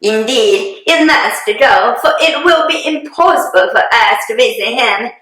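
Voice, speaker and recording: A woman playing a fussy, excitable, self-pitying middle-aged wife and mother in a hammy, theatrical dramatic reading. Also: fairly high pitch, unhurried. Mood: insistent, fussy. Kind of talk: dramatic reading of a classic novel. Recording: very echoey room.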